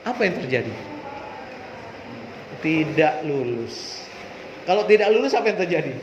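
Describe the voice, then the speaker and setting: High-voiced man in an echoey hall. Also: very animated, a little slow. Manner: storytelling with rhetorical questions. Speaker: school orientation speaker. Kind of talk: motivational talk to students. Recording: echoey hall, dull sound, faint noise.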